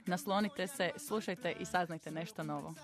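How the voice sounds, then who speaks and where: A woman's voice: lowish voice, steady tone, normal speed, music in the background. A woman hosting a radio interview, reading an introduction and then asking her guests short, simple questions. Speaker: radio host.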